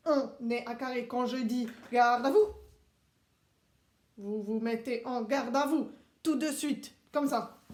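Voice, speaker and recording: A man playing a barking Swiss drill soldier. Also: extremely high pitch. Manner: barking commands, clipped and precise. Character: strict male Swiss soldier drilling children. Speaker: stand-in teacher. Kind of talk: playful classroom role-play. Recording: roomy echo.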